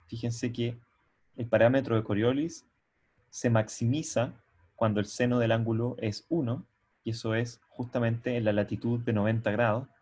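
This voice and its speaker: A man's voice: medium pitch, steady tone, a little mellow. Male lecturer teaching over a video call. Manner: explanatory, often checks in with "¿ya?"; halting, with frequent restarts. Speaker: university lecturer. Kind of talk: online university lecture. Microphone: computer mic on a video call.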